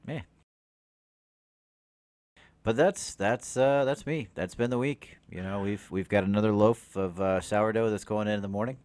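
A man with a very low voice chats easily on a podcast, often starting a sentence twice before it comes out. The sound is dry and close to the mic. His talk is relaxed and unhurried. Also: dry recording. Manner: easygoing, halting with repeated restarts. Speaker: podcast co-host. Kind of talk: casual chat.

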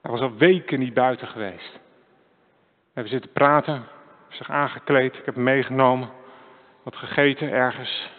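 A man preaching a sermon in an average pitch, speaking earnestly and putting direct questions to his congregation. His voice carries a long church reverb. The sound is thin and tinny, like a phone line. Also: steady tone, normal speed, long pauses. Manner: earnest, direct address to listeners with rising questions. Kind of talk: sermon with personal story.

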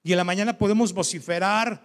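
A man's voice: high voice, steady tone, fast talker. A man preaching a sermon as pastor, talking conversationally and keeping his congregation engaged with frequent questions. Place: church hall. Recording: long church-hall reverb.

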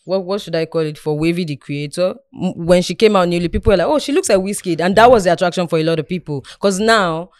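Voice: medium pitch, fast, hardly any pauses, clear, resonant tone, dry recording. This is a chatty podcast co-host who works as a stylist. The voice sits mid-range and is recorded dry and close, with no room sound. The host laughs a lot and acts out little quoted exchanges. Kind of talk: casual chat.

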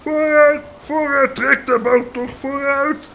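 A man's voice: very high voice, flat delivery, a little hiss or hum, voice pushed up, exaggerated voice. A man playing a bellowing, roaring boatswain. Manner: roaring, drawn-out shouting. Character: gruff male boatswain, bellowing orders.

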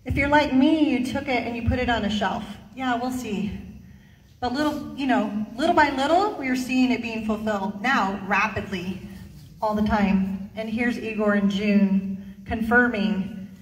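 A woman organizing a meeting, addressing the audience in an animated, emphatic way. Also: a little high. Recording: distant mic in echoey hall.

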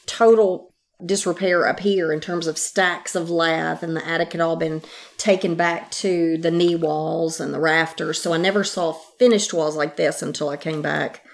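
A woman's voice: deep voice, steady tone, normal speed, vocal fry. An older woman speaking as a longtime house guide, recalling things carefully in conversation, recorded in an attic room. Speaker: longtime historic house guide being interviewed. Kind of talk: conversational reminiscence.

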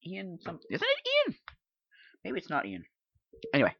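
A man hosting a podcast in casual chat, rambling and halting as he thinks aloud. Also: fairly high pitch, huge pitch swings, vocal fry, husky, no echo. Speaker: podcast host. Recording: dull lo-fi dry sound.

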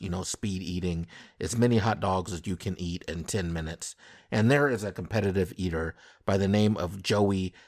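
A man hosting a casual podcast, joking and rambling with mock indignation. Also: low-pitched. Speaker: podcast host.

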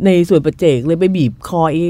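An older woman in a casual podcast discussion, emphatic and animated, with mocking asides. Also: deep voice, quick pace, no room sound. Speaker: podcast co-host.

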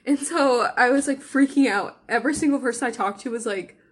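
A woman's voice: on the high side, brisk. A young woman co-hosting a podcast, telling a story in playful, chatty casual talk. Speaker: podcast co-host. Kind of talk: casual chat.

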